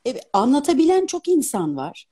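A woman in her fifties, an opera singer and dubbing artist, talking as a guest in a casual live interview, animated and articulate. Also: high voice, brisk. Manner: animated, articulate, laughs easily. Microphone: phone on a live video stream.

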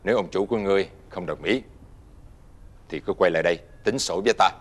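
An older actor playing a righteous, wealthy old gentleman who speaks with stern, dignified authority. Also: low voice, fast. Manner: dignified, stern, lecturing, uses archaic "ta/ngươi".

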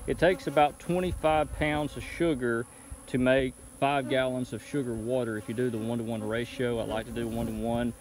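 A man's voice: medium pitch, moderate pace, low-quality recording. A man in his thirties, a beekeeper, talking through his work step by step in a casual how-to vlog. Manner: relaxed, explaining step by step. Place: outdoor bee yard. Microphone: phone camera held while working. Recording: outdoor noise with buzzing bees. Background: insects buzzing outdoors.

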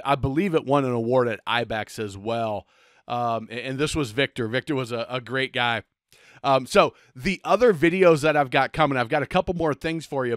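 A man's voice: medium pitch, dry recording. Chatty man with dry close sound. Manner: chatty, frequent ums and restarts. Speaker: boating channel host. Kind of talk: casual product rundown to camera. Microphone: desk microphone on camera.

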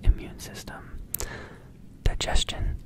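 A man in his thirties reads an ad in a casual, playful ASMR whisper, close to the microphone. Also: takes it slowly. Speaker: sponsored ad reader. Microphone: close studio microphone on a desk.

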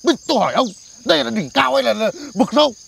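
Comic lead: a high, gravelly, whiny broke guy, sketch comedy with music under it. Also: expressive, racing, fairly bright tone, slight background noise, full character voice. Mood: nagging. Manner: nagging, then sobbing for his grandkids. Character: whiny grown man, broke and put-upon. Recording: music bed under dialogue.

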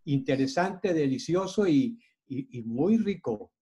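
Man, slow speech, high voice, joking, video call mic. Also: expressive, dark tone, lo-fi sound. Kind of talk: casual group video call.

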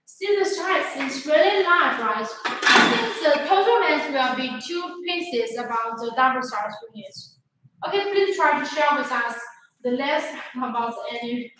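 A woman's voice: sits high, expressive, unhurried. A young woman presenting products on a livestream demo, upbeat and greeting viewers by name. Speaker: sales presenter. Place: large echoey warehouse showroom. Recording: echoey room, faint background noise.

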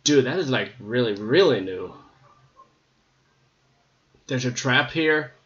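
Man, mid-pitched, slightly scratchy, casual gameplay commentary with lots of ums, lo-fi muffled recording. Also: animated, takes it slowly, a bit bright. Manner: rambling, hesitant, many ums. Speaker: gameplay video maker.

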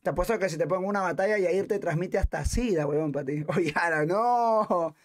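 A fairly high-pitched man, reacting live as a streamer to a rap battle. He talks brashly in quick rambling asides and swears a lot. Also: a little mellow.

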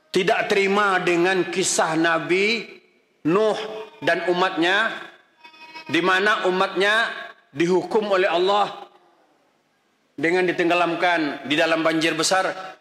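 Man, middle-aged, Islamic preacher, emphatic rhetorical lecture, slightly high voice, echoey hall. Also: bright, forceful tone. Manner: emphatic, scolding, rhetorical questions. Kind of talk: religious lecture.

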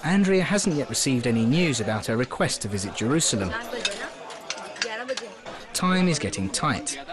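A man giving scripted documentary narration in a measured, expressive way. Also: mid-range voice, crowd noise.

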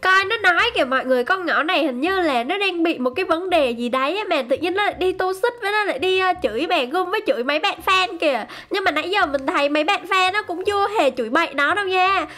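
High-pitched woman, chatty game commentary, keeps exclaiming to viewers. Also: animated, fast, few pauses, bright, forceful tone. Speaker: gaming YouTuber.

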